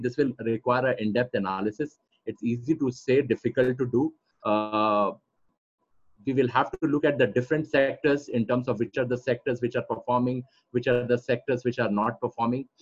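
A man with an Indian accent explaining things as a coach in an interview, repeating phrases for emphasis. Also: mid-range voice. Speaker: trading coach being interviewed. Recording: dull, lo-fi audio.

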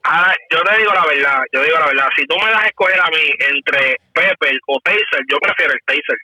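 A man, a police officer telling about his weapons training in casual conversation, halting and repeating words as he recalls. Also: a little high, sharp tone, no echo, low-quality recording.

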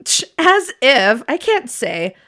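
A woman's voice: high voice, very animated, takes it slowly, sharp tone, full character voice. A woman playing a gossipy, popular teenage girl reporter who talks in valley-girl slang in a comedy radio sketch.

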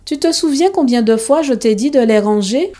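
A patient but firm mother from a read-aloud storybook, as a woman narrator puts her on. She speaks insistently and slightly raised, in a mellow, dark voice. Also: fairly high pitch, expressive, normal speed, pitched above the performer's own voice, close to an everyday voice. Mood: stern.

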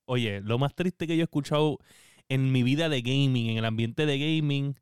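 A man telling a story in a casual gaming chat, animated and acting out what people said. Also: medium pitch, moderate pace, clean tone, no echo, studio quality. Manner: animated storyteller, acts out quotes. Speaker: podcast co-host.

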